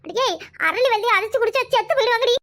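A woman's voice: very high voice, rapid-fire, noisy background. A woman voicing a distraught, tearful village woman in a cartoon, wailing, pleading and scolding with a Kanyakumari Tamil accent. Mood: outraged. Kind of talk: cartoon voice acting.

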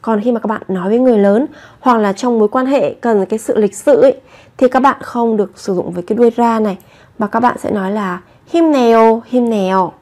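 Clear woman teaching Korean phrases. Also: on the high side, quick pace, a little mellow. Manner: models each Korean phrase twice, then explains it patiently. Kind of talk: language lesson, repeating phrases slowly.

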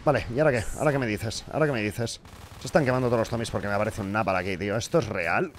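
A man's voice: fairly low pitch, rapid-fire, slight background noise. A young man, commenting live on his own gameplay, frustrated, swearing often and talking to the game. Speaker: gaming streamer.

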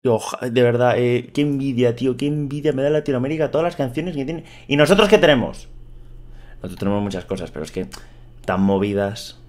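A man's voice: medium pitch, fairly quick. A young man from Spain with a Spanish accent from Spain, hosting a casual, joking reaction video. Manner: excitable, joking, playful.

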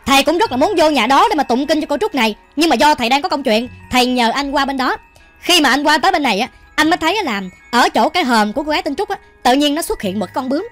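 A woman with a Southern Vietnamese accent tells a ghost story at a racing pace. Her voice is high and chatty, and she keeps speaking to her listeners directly. Soft music plays faintly behind her. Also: animated, fast talker. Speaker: storytelling channel host. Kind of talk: ghost story narration while cooking.

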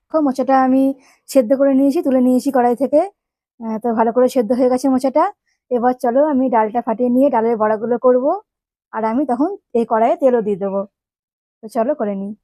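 A woman's voice: a little high, steady tone, fast talker, mellow, no room sound, poor audio. Chatty woman hosting a home cooking show. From Bengal. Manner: chatty, addresses viewers directly step by step. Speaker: home cooking channel host. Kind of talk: casual cooking demonstration.

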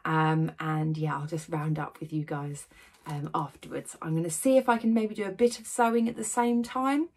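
A woman's voice: sits low, steady tone, moderate pace, darkish tone, husky. A woman vlogging in a casual, chatty way, a little out of breath, laughing now and then as she talks. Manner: chatty, breezy, laughs between sentences. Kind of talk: casual vlog chat.

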